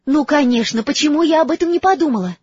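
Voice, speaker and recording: A man voicing a clever, bossy teenage girl in an audiobook, brisk and earnest. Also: very high-pitched, lively intonation, no echo, voice pushed up. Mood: excited. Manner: brisk, earnest, a little lecturing. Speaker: audiobook character voice. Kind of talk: audiobook character reading. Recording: slightly dull, dry recording.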